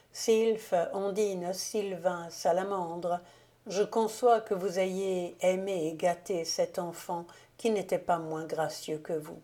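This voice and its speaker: A woman narrates a classic novel at an unhurried, measured pace. Her voice is on the low side and mellow in tone. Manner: measured, calm reading. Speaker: audiobook reader.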